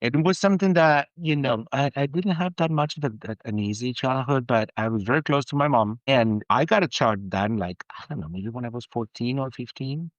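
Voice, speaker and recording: A man from Argentina, a perfumer, talking as a guest in a casual interview, halting with many restarts and growing animated when excited. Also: medium pitch, no room sound, muffled recording.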